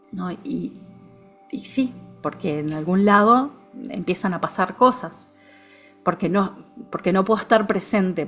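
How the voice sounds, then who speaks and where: A woman with a Rioplatense Spanish accent, a therapist guest explaining things in a calm, reflective way, often ending her phrases with a questioning tag. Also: mid-range voice. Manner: calm, reflective, frequent "¿no?" tags. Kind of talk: conversational explanation.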